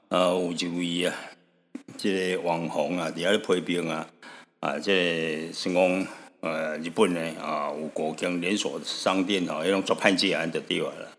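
A man from Taiwan hosting a radio show, telling stories in a rambling, relaxed way with frequent chuckles and tag particles. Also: low voice, gravelly, big-room sound. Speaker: radio host. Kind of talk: chatty radio storytelling. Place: radio studio.

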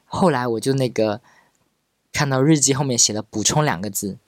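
Man, mid-pitch, hesitant self-mocking storyteller, casual monologue, dry room. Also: normal speed, dry recording. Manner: hesitant, many restarts and fillers, self-mocking. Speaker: podcast host reading his old diary.

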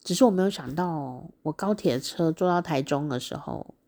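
A woman with a Taiwanese Mandarin accent telling a casual diary story, chatty and excitable, laughing often. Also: deep voice, normal speed. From Taichung, Taiwan. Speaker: diary podcast host.

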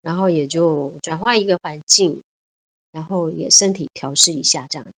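In a dry recording, a woman with a low voice speaks at normal speed as an interview guest. She's a civil servant from Taiwan in her 50s, and her conversation is casual and lively, full of laughter and fillers.

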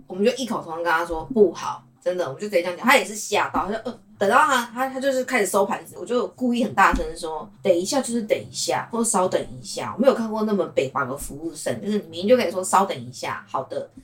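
A woman hosting a casual chat podcast with a Taiwanese Mandarin accent, talking in an animated, sassy way and mimicking people. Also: medium pitch, distant mic. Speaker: host.

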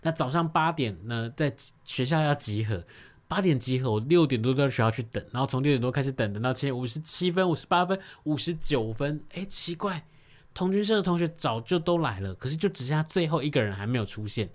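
A man's voice: mid-range voice, fairly quick. A young man with a Taiwanese Mandarin accent, a radio guest telling a comic story and acting out voices and sound effects. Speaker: studio guest.

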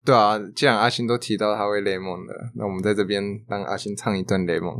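A man's voice: on the low side, fairly even intonation, quick pace, a bit bright. A man with a Taiwanese Mandarin accent, chatting casually as a podcast host. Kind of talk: casual chat.

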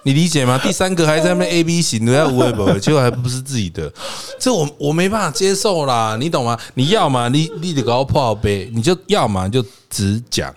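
A man's voice: mid-range voice, lively intonation, fast, few pauses. A man, a doctor co-hosting a podcast, telling stories in casual chat and laughing often. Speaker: podcast co-host, hospital attending physician.

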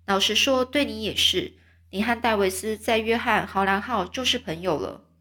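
A woman voicing a gruff, scheming male sailor who talks bluntly and scolds his shipmates. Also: medium pitch, moderate pace, fairly bright tone, close to an everyday voice. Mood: gruff, scolding.

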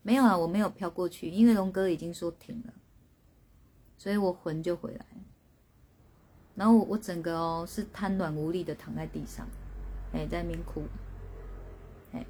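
A woman's voice: on the low side, moderate pace, long pauses, warm tone, husky. A woman, a spirit medium hosting a casual live stream, telling a story and reading out viewers' guesses with lots of laughter.

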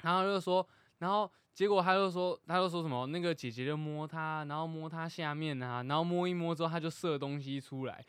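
A young man with a Taiwanese accent co-hosting a casual comedic podcast, telling stories excitedly and swearing freely. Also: fairly high pitch, brisk, clear, resonant tone, no echo, clean studio sound. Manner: animated storytelling, swearing, excitable. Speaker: podcast co-host.

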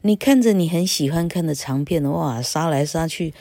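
A woman gives a casual English lesson, chatty and wandering off topic, tagging phrases with "ha" and spelling words out slowly. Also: sits low, warm tone, dry recording, clean studio sound. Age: 60s. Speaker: English teacher.

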